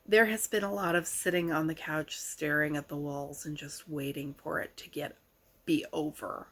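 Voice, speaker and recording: A middle-aged woman hosting a casual craft vlog, chatting wryly and conversationally, a little hoarse from being sick with a sore throat. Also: low-pitched, steady tone, moderate pace.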